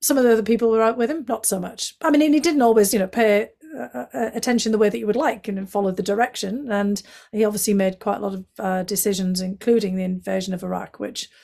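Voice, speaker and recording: A former intelligence analyst, interviewed as a guest, speaks quickly in a medium-pitched, slightly mellow voice with vocal fry and fairly even intonation. She is a middle-aged woman with a Northeast English accent, from County Durham in England, and her fluent, candid answers are full of fillers.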